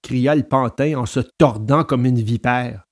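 A man narrating a children's story in an expressive, storytelling manner. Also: mid-range voice, unhurried. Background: soft guitar music.

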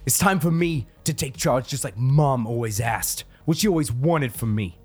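A man's voice: mid-range voice, normal speed, breathy edge, faint music behind, lightly acted. A man voicing a fed-up male alien brother who takes command, bossy and blunt with plenty of swearing.

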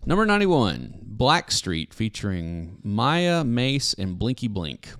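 A man's voice: lowish voice, sing-song, slow, a bit bright. A man co-hosting a casual music chart podcast, chatty and hesitant, with frequent restarts and easy laughter. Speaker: podcast co-host.

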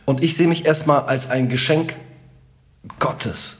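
Middle-aged man, Rhineland German accent, comedian guest, casual podcast chat, animated, jokey, emphatic. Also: mid-range voice, measured pace, very noisy.

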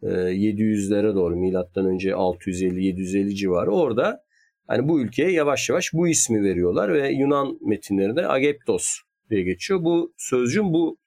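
Man, lowish voice, casual explainer; thoughtful, hedges a lot. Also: lively intonation, fairly quick, darkish tone. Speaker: history conversation partner. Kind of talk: casual chat.

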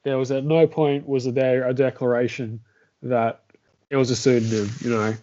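A man co-hosting a podcast in relaxed, casual chat. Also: mid-range voice, moderate pace, lo-fi sound, slight background noise. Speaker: podcast co-host.

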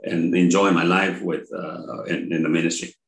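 An older man from Mexico, a pastor, talking in an interview in a halting way with many pauses and fillers. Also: low voice, level tone. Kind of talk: conversational interview. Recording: roomy echo.

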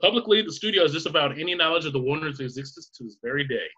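A man on a podcast voicing an old newsreel announcer, declaiming grandly and briskly. The recording sounds dull and lo-fi. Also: fairly high pitch, bright, forceful tone, husky. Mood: announcing.

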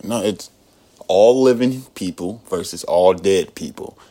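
A man co-hosting a casual podcast, telling stories in an animated, laughing way and swearing freely. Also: deep voice, unhurried. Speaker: podcast co-host. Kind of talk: casual chat.

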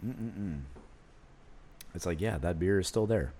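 Deep-voiced relaxed male podcast host. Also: slow. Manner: relaxed, rambling, with many fillers like "you know". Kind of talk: casual chat while tasting beer.

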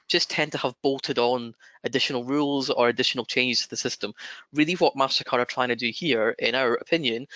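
A man with a broad Scottish accent presenting a webinar in a measured, explanatory manner. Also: medium pitch, pushed and bright, dry recording.

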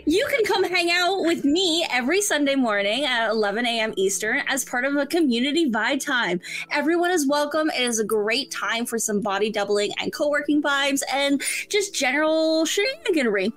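A woman's voice: high voice, lively intonation, normal speed, fairly bright tone. A woman cheerfully inviting listeners to a weekly online community hangout. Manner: upbeat, inviting. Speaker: community moderator.

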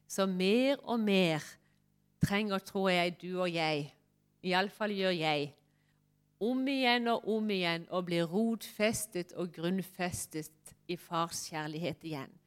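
Delivering a heartfelt church sermon, a pastor shares her personal testimony in an intimate way, frequently dropping to a soft near-whisper. She has a fairly low, clear and resonant voice.

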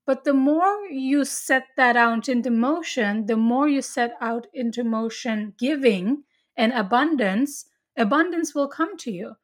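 A woman's voice: sits high, unhurried. A woman chatting casually, earnestly explaining her spiritual beliefs at length with frequent restarts.

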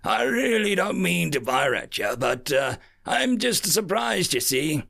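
A man voicing a menacing male alien pirate captain with a gravelly voice, mocking and falsely polite. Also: fairly high pitch, big pitch swings, unhurried, a bit bright, pitched above the performer's own voice, heavily acted.

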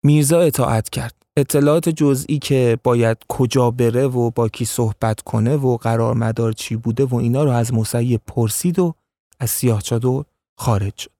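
A man narrating a dramatic story in a measured way, with pauses for effect. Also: medium pitch, warm tone, dry recording, studio quality.

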